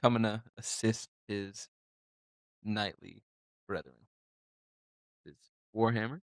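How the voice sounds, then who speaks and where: Low-voiced man playing a tabletop game. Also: steady tone, slow pace, no echo. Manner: quips and comments on rolls. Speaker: player.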